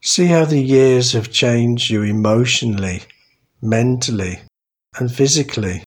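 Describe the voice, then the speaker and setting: A man guiding a meditation in a calm, soothing way, giving slow, unhurried instructions. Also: medium pitch. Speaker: meditation guide. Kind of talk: guided meditation narration.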